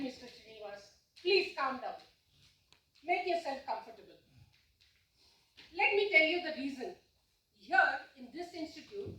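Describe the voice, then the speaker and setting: An actress voicing a calm, formal doctor who talks very slowly and patiently in a rather high voice. Her lines come from far away in a big, echoing hall, with a faint hiss underneath. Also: full character voice. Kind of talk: stage play acting. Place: stage in a hall.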